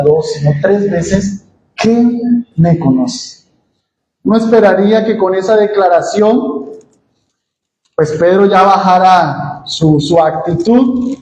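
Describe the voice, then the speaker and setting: A man's voice: darkish tone, a little hiss or hum. A man, a pastor, preaching an expository sermon with emphasis, acting out the quotes he reads. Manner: emphatic, acts out quotes with shifting pitch. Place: church sanctuary. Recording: echoey church room.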